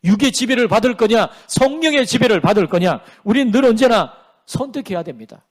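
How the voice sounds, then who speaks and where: A middle-aged man preaching a Sunday sermon as pastor, swinging between raised emphasis and quiet asides, sometimes acting out the people he quotes. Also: high voice, a little fast. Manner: preaches with lively rises and drops, acting out quoted voices.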